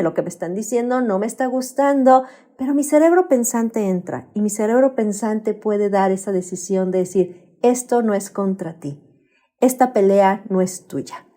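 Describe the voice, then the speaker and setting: A woman with a Mexican accent giving a calm, explanatory talk on a radio program, often asking rhetorical questions. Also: a little high. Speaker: radio guest speaker on emotional health. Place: radio studio.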